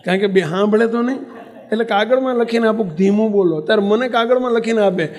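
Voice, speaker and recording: A man, a swami giving an animated devotional sermon, asking rhetorical questions and acting out the people in his stories. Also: sits high, quick pace. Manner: animated, asks rhetorical questions and acts out characters. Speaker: swami preacher. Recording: long hall reverb.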